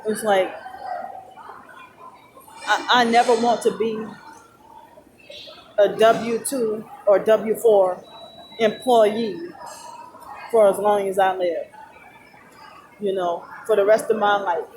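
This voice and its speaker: A sleep-deprived woman talks in a tired, halting ramble, as if to a vlog audience. Her voice sits at a middle pitch. Clear background noise from a busy indoor mall surrounds her. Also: steady tone. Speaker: vlogger. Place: loud indoor shopping mall. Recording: noisy mall ambience behind voice. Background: loud talking and mall noise.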